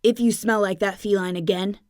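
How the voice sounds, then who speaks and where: Dog father, put on by a woman, stern, gruff, scolding, mid-pitched. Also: steady tone, brisk, darkish tone, no echo, studio quality, close to an everyday voice.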